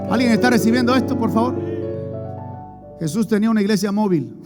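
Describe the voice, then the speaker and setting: A man's voice: high-pitched, brisk. A man preaching a sermon as pastor, emphatic, calling on the congregation to repeat after him and answer. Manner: emphatic preaching with call-and-response prompts to the congregation. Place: church hall before a congregation. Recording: long hall reverb, faint music behind.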